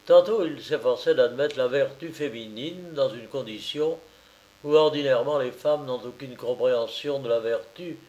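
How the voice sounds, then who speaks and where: A man narrating a novel in a measured storytelling manner. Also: mid-range voice, darkish tone. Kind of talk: scripted audiobook narration.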